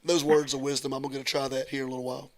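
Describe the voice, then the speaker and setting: A man's voice: mid-range voice, flat delivery, a crowd in the background. A male host with a strained, fading voice who keeps thanking callers and apologizing. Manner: grateful, apologetic, quick to thank. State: losing his voice. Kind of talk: live-stream talk show.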